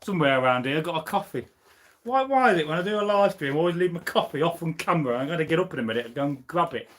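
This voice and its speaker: A young British man, host of a history channel, chats casually on a live stream from home, rambling with lots of fillers and restarts. His voice is a little high, fairly bright, animated and racing. It's captured on a camera on a tripod, with slight background noise.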